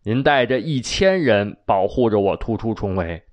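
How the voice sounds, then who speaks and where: A man with a Beijing accent and a lowish voice tells old folk legends at a moderate pace, his intonation lively. As a storyteller he chats with listeners directly, adding colloquial asides, though the audio sounds dull.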